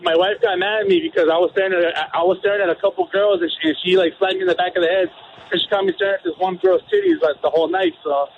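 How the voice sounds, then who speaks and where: Male caller, high voice, rambling and filler-heavy, dull lo-fi phone line. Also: lively intonation, rapid-fire, gravelly, a little hiss or hum. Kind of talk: casual chat. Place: on a phone call.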